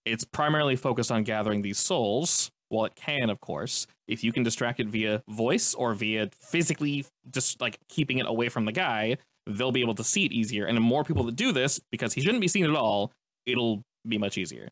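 Fast-talking man running a tabletop game. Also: mid-range voice, expressive, a bit bright, no room sound. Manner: conversational, descriptive, explanatory. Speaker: game master. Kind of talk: improvised tabletop game narration.

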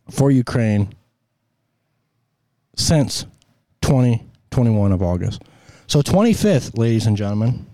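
A man's voice: medium pitch, dark tone, no room sound. An American man with a sore throat, delivering an opinionated political monologue in an emphatic, exasperated, colloquial way. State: sore throat with coughing and throat clearing. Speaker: host of a political commentary show.

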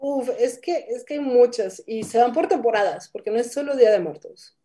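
A woman co-hosting a casual chat, answering in a thoughtful, hesitant way with pauses. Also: fairly high pitch, warm tone. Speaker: co-host.

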